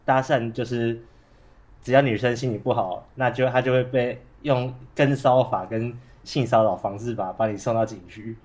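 A man's voice: mid-range voice, steady tone, normal speed, darkish tone. Taiwanese man with a cold, talking through a face mask. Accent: Taiwanese Mandarin. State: has a cold with a cough. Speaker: podcast co-host. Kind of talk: casual chat.

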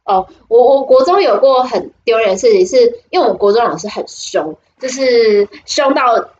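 A woman's voice: fairly high pitch, animated, normal speed, a little mellow, dull audio. A young woman with a Taiwanese Mandarin accent, co-hosting a podcast and telling stories in a giggly, rambling way full of restarts. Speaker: podcast co-host. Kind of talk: casual storytelling chat.

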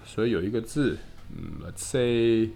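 A man teaching English vowel sounds in a relaxed lesson, patiently drilling his student with quick "good" and "OK" cues. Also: lowish voice, gravelly, faint music behind. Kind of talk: casual phonics lesson.

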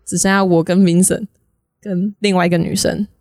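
A young woman with a Taiwanese Mandarin accent, a podcast guest telling stories in a rapid, giggly, chatty way. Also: fairly low pitch, little pitch movement, a little mellow, no echo, clean studio sound. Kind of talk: casual storytelling chat.

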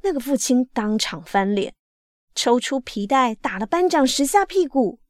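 A woman narrates a true-life story in a steady, even manner, as a practiced reader would. Her voice sits a little higher than most women's. The sound is close and dry, with no room around it. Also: moderate pace, no room sound.

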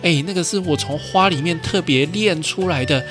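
A man voicing a gentle young woman who is secretly a ladybug spirit, in a storytelling podcast. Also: medium pitch, sing-song, normal speed, music in the background. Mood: pleading.

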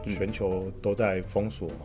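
A man's voice: sits low, little pitch movement, mellow. Taiwanese-accented man chatting over guitar music. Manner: halting, repeats short agreement words rapidly. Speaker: guest market commentator. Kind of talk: casual podcast chat. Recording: music playing under the talk.

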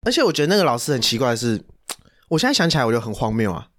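A young man with a Taiwanese Mandarin accent, co-hosting a casual podcast and telling stories in an animated way, full of slang and swearing. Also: medium pitch, very fast. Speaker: podcast co-host. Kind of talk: casual chat.

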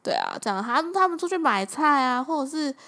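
A young woman with a Taiwanese Mandarin accent, hosting a casual chat and telling stories in a lively, chatty way. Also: sits high, brisk. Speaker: podcast host.

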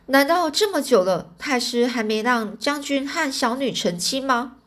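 A woman's voice: on the high side, moderate pace, fairly bright tone. A cunning old official speaks in a sly, solicitous way, putting on a show of concern, voiced by a woman reading a storybook. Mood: feigned shock. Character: older male official, cunning and feigning concern.

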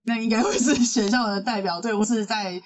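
A young woman with a Taiwanese Mandarin accent, co-hosting a podcast and telling a story in casual chat. She talks in an animated way and laughs often. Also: fairly quick, a little hiss or hum. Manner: animated, laughs often, acts out quotes in a high voice. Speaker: podcast co-host.

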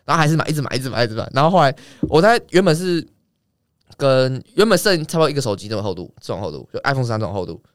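A young man appears as a guest in a casual chat, telling a rapid, animated story and swearing freely along the way. His voice sits at medium pitch, and there's no echo.

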